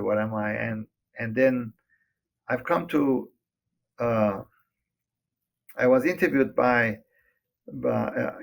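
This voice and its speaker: Older man with a gravelly voice. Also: mid-range voice. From Lebanon. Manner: hesitant, with many restarts. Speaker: interview guest. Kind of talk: reflective storytelling.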